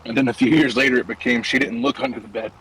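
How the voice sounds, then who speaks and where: A man's voice: medium pitch, steady tone, quick pace, fairly bright tone, slight background noise, poor audio. A young man streaming and chatting loosely from his car, rambling through stories with plenty of swearing. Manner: loose, profane, rambling storytelling. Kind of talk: casual chat while gaming and driving.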